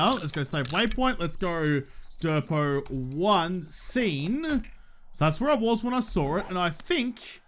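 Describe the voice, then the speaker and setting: High-pitched, animated Australian man. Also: slight background noise. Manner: slangy, joking, cheerfully sweary. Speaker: gaming video host. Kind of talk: casual gameplay commentary.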